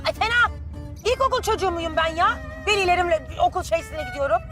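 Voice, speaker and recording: An actress in her late twenties playing a young bank employee who bickers in quick, whiny exasperation with her parents. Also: high voice, very animated, music in the background. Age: late 20s. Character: young woman fed up with her nagging parents. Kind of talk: film dialogue.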